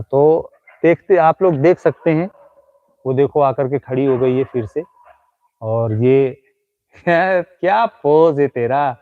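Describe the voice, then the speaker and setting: A man with a medium-pitched voice, recorded with phone-quality sound, hosts a comedy live stream outside at night. He jokingly addresses a ghost he insists is in front of him, teasing it as they "chat."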